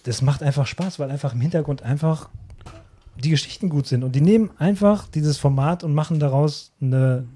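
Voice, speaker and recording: A man chatting on a podcast, rambling excitedly and acting out quoted characters. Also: fairly high pitch, moderate pace, breathy edge. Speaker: podcast co-host. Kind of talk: casual chat.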